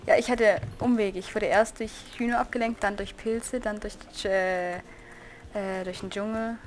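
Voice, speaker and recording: A chatty woman playing a game alongside a friend, talking in a lively, excitable way. She keeps up a running commentary and exclaims at whatever happens on screen. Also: medium pitch, normal speed, a little hiss or hum. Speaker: Let's Play host. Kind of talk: casual gaming chat.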